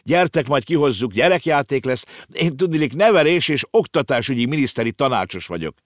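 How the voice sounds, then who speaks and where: A man's voice: dry recording, clean studio sound, close to an everyday voice. A man voicing an earnest, know-it-all little girl in an audiobook reading. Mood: explaining. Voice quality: high, lively, explaining.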